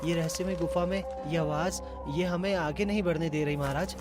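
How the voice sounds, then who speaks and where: A man's voice: a little high, steady tone, moderate pace, natural voice. Man playing an anxious royal minister. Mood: pleading. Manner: pleading, fretful. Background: background music.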